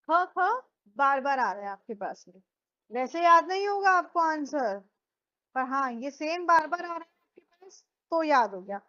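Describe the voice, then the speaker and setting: A woman with a high voice, Hindi her first language, gives a classroom lecture and keeps checking with her students through repeated questions. She mixes Hindi and English freely. The recording sounds muffled and dull. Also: animated, unhurried, bright, forceful tone. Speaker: teacher.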